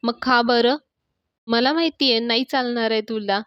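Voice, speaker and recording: A woman's voice: on the high side, normal speed, no echo, muffled recording, close to an everyday voice. A woman reading the lines of a stubborn young woman in love, insistent and teasing.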